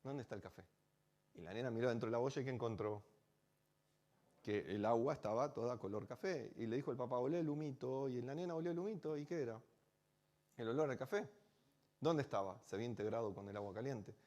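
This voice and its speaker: A rabbi with a Rioplatense Spanish accent tells a story in a sermon, speaking quickly at medium pitch with a slightly mellow voice. He's conversational and full of rhetorical questions, and the audio is dull.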